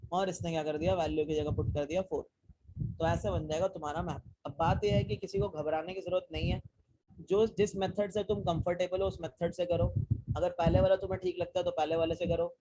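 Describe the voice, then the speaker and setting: Teaching programming live online, a young man guides students through code one step at a time and asks them questions, dropping English tech terms into relaxed Hindi. His voice sits high but has a dark tone. The recording is low quality, with slight background noise.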